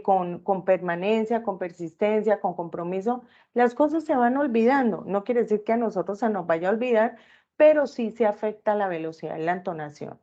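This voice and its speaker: A woman's voice: medium pitch, darkish tone, muffled recording. Teacher checking in with her class. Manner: checks in with listeners often with tag questions.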